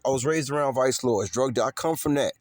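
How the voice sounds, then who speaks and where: A medium-pitched Chicago vlogger speaks at a quick pace in a studio-quality, echo-free recording. His casual, unscripted talk to viewers is emphatic and repetitive, marked by street slang and profanity.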